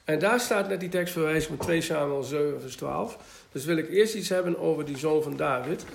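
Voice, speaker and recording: A man giving a Bible teaching, reading scripture aloud slowly and then explaining it in a conversational way. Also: a little high, gravelly, reverberant, slight background noise. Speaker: preacher.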